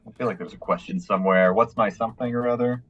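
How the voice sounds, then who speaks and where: A man playing a tabletop game, talking casually and haltingly as he thinks aloud. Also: fairly low pitch, breathy edge, highs cut off, soft background music. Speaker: player.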